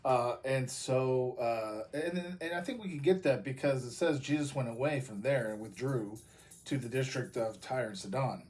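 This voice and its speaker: A man's voice: medium pitch, moderate pace, a little mellow. A man with an American accent, a pastor giving a casual devotional talk, talking loosely with many fillers and restarts.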